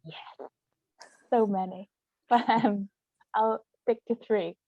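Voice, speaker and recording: Speaking slowly in a mid-range voice, this woman, an author and actress on as a guest, rambles through a casual chat. The sound is lo-fi and muffled, much like a phone line, and echoes around the room.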